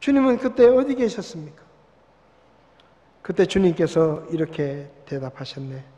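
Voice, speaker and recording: A male pastor preaching a sermon. He swells loud and slows down on the scripture, then drops to a hush on key words. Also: on the high side, sing-song, highs cut off. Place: church sanctuary. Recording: long church hall reverb.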